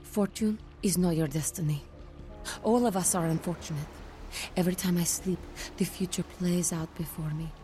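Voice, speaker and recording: An actress playing a cryptic, troubled seer in a video game, speaking halting, eerie prophecies in riddles. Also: female voice, lowish voice, steady tone, warm tone, soft background music, lightly acted. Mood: weary, ominous. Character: cryptic, troubled young female seer telling dark fortunes. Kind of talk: dramatic video game acting. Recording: noisy, with background ambience.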